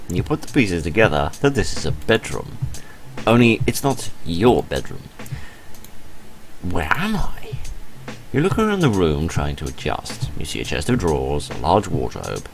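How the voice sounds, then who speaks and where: Game music runs underneath as a playthrough channel host reads a visual novel aloud, switching between playful drama and offhand commentary. His gravelly, low-pitched voice swoops wildly in pitch at a moderate pace.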